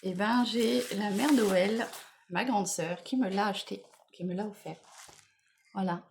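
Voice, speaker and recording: A woman talks straight to her viewers in a relaxed, gushing way, piling up repeated praise and little fillers. Her voice sits in an ordinary middle range. A faint hiss runs under the recording. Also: medium pitch, a little slow, creaky. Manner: chatty, enthusiastic, many fillers and repeated words. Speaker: beauty vlogger. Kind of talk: casual unboxing chat to camera.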